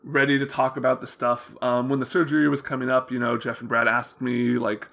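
A young man with prominent vocal fry talking openly in a casual interview, earnest and rambling, often backtracking as he tells his story. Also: mid-range voice, little pitch movement, a little fast, a bit bright. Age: young adult. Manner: hesitant, rambling, self-correcting storytelling; open, earnest. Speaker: interview guest.

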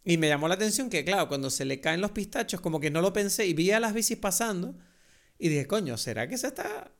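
A man with a Spanish accent from Spain, co-hosting a casual film podcast, animated and laughing often as he acts out scenes. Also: high voice, quick pace. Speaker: podcast co-host.

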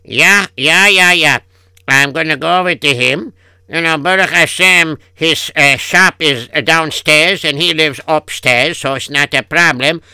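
A man's voice: on the high side, a little slow, pushed and bright, clean tone, no room sound, heavily acted. A man playing a fretful Yiddish-accented husband. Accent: Yiddish-inflected English. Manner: kvetching, sighing oy vey. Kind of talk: improvised comic radio story.

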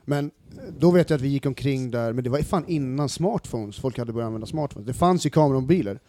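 A man's voice: mid-range voice, warm tone, a little hiss or hum. A man co-hosting a casual podcast, talking in long, searching sentences with restarts. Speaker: podcast co-host. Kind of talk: casual chat.

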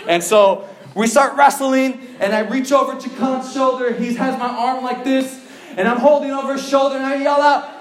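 A man in his thirties from a Cuban family, telling a funny story to a live crowd at a youth event, animated and breaking into loud acted quotes. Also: very high-pitched, normal speed, echoey room. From Cuban family, raised in the US.

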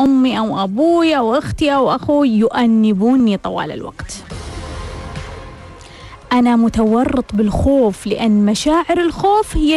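Woman, radio host, repeats her questions, high voice. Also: a little mellow. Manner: rhetorical, repeats questions for emphasis. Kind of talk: radio self-help talk.

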